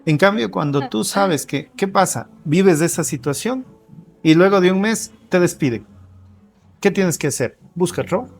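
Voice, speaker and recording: A man, a coach, explaining ideas to an interviewer in a lively conversational way, often posing questions and answering them himself. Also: high voice, normal speed, vocal fry. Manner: animated, asks and answers own questions. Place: café.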